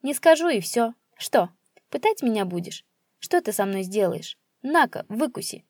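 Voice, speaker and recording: A woman's voice: unhurried, dark tone, slightly rough, dry recording, clean studio sound. A woman voicing a spiteful old male pensioner who screeches and jeers at his son. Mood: jeering. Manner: shrill, screeching, jeering.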